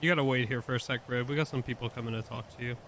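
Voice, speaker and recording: Fast-talking man, baffled questions. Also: mid-range voice, steady tone, fairly bright tone, slight background noise. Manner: rapid, incredulous questioning. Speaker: role-play streamer. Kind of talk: improvised game role-play.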